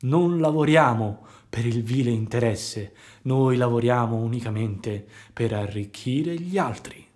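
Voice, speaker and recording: A man voicing a sly, scheming fox who talks smoothly and coaxingly, sometimes dropping to a hush. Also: medium pitch, a little slow, close to an everyday voice.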